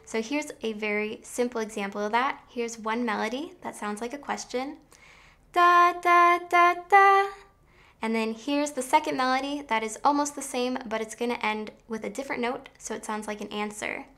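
A woman's voice: a little high, a little fast, hardly any pauses. A young woman teaching songwriting in an upbeat, explanatory way, now and then singing short demonstration phrases. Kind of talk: online songwriting lesson.

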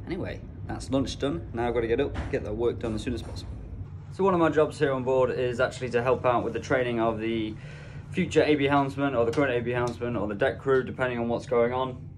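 A man's voice: medium pitch, fast, slight background noise. A young man in his twenties, a ship's deck officer, casually explaining his workday into a phone held at arm's length in rooms on board. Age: young adult. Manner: relaxed, explanatory, conversational. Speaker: cruise ship deck officer vlogging his day. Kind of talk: casual vlog narration. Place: indoors on a ship, offices and mess rooms.

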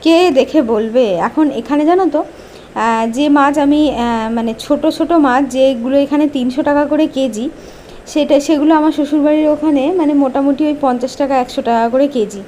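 Pregnant woman from West Bengal, high bright voice, chatty cooking narration, faint noise under it. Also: a little fast. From West Bengal, India. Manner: chatty, explains as she cooks. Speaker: village vlogger. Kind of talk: casual cooking vlog chat.

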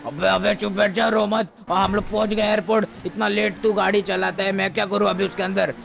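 A man voicing a gruff, bossy criminal in a game role-play. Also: sits high, little pitch movement, brisk, a bit bright, slight background noise, heavily acted.

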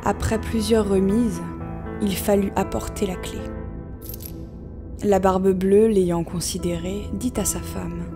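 A woman narrating a fairy tale in a measured, expressive reading. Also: mid-range voice. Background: music.

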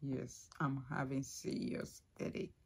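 A young adult woman vlogging casually to camera, emotional and soft-spoken, repeating herself often. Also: extremely low pitch, flat delivery, slow, gravelly, slightly rough.

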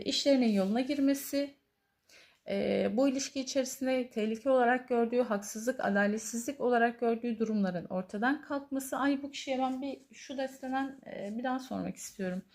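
A woman giving a tarot reading to her viewers, earnest, pausing often with drawn-out fillers. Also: on the high side. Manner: hesitant, many drawn-out fillers, soft and earnest. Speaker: tarot reader.

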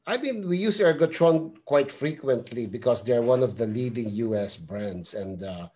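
A male host leads an online chat from his home studio, speaking over a headset. He hesitates often and fills his sentences with small fillers, at a plain middle pitch. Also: animated, normal speed, dark tone, breathy edge. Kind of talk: casual video call interview.

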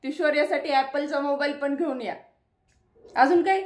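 A mother filming a casual home vlog, gently coaxing and prompting her child with short repeated questions. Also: high voice, steady tone, moderate pace. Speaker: mother and vlogger. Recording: echoey room.

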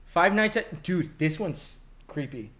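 A man in his twenties, a bit tipsy, streaming a horror game with friends, loud and excitable, swearing and laughing often. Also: on the high side, slow pace. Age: 20s. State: tipsy from drinking. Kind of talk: casual live-stream chat.

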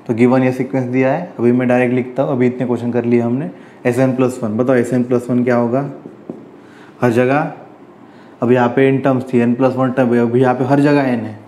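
Mellow-voiced man teaching a maths lesson. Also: mid-range voice, slight background noise. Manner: explains step by step, asking the class rhetorical questions. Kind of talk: chalkboard maths lecture.

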